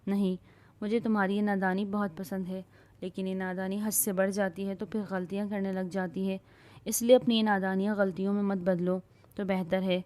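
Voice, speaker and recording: A woman's voice: mid-range voice, flat delivery, a little mellow, lightly acted. A woman narrator voicing a young husband who scolds his wife firmly, then consoles her. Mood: gentle. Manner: stern, raised voice.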